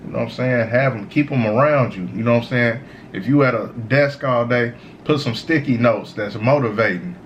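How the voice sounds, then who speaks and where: A man who sounds high, giving a casual, slangy, meandering stoner monologue of motivational advice as a show host. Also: normal speed, lo-fi sound, slight background noise. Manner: repeats "you know" tags, informal slangy phrasing. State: high on cannabis. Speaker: host of a smoke session series.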